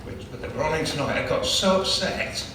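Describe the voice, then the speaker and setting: A man tells a chatty, joking story at a gala dinner. His voice is bright and forceful, heard from a distance. The big hall gives it a strong, roomy echo. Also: on the high side, animated, a little fast, a little hiss or hum. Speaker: club chairman giving an award speech. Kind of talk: after-dinner presentation speech. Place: large banquet hall. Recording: echoey hall, distant mic.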